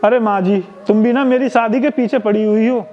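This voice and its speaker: A man's voice: high voice, steady tone, a little fast, dull audio, lightly acted. A man playing a fed-up grown son who talks back firmly to his mother, in a homemade family drama. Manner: firm, irritated. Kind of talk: amateur Hindi family drama.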